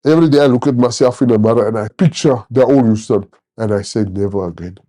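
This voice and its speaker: A man in his thirties giving a personal testimony in an interview, animated and acting out the people he quotes. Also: mid-range voice, fast talker. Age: 30s. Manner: animated storyteller, acts out quoted voices. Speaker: church member sharing testimony.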